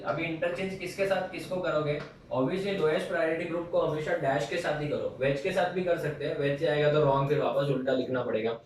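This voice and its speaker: A man's voice: fairly high pitch, a little hiss or hum. A man teaching a chemistry class in a lecture style, coaxing and playfully teasing his students. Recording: echoey room from a distance.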